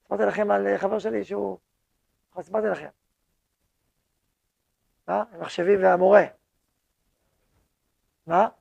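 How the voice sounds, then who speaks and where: A man lectures his yeshiva students in an animated way, repeating words to drive his points home. His voice sits high for a man and is heavily gravelly and husky. The sound is close and dry. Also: long pauses, no room sound, lo-fi sound. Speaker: yeshiva head rabbi.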